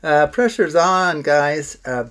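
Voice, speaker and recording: A man's voice: a little high, lively intonation, takes it slowly, fairly bright tone, clear, resonant tone. A man presenting in casual card magician patter, chatty and self-deprecating, talking as if to a participant. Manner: talks as if to a participant.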